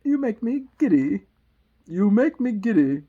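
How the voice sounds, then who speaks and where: Slightly muffled lo-fi recording of a furious storybook queen. She is shrill and loud, barking commands in wide, dramatic swoops of pitch. Her delivery is slow and imperious. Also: sing-song, slightly rough, exaggerated voice. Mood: screaming, commanding.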